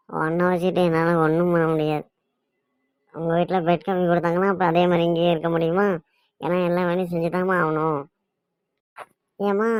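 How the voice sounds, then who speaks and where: A woman's voice: fairly low pitch, darkish tone, dry recording, studio quality, close to an everyday voice. A woman voicing a scolding, self-pitying old mother-in-law in a cartoon comedy, complaining and grumbling on and on.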